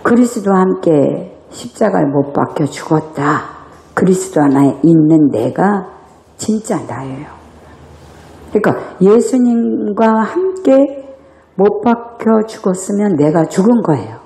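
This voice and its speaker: A woman pastor preaching a sermon in a church, animated and full of rhetorical questions. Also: lowish voice, a little slow, creaky, roomy sound. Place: church sanctuary.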